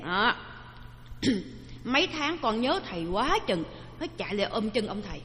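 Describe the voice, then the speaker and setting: A woman giving a storytelling dharma talk, lively and asking the audience questions. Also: medium pitch, moderate pace, slight background noise. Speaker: Buddhist dharma teacher. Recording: long hall reverb.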